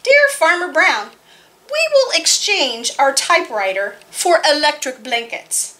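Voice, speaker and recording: A woman reading out a polite bargaining letter from a group of cows, in a high, bright voice. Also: very animated, measured pace, exaggerated voice.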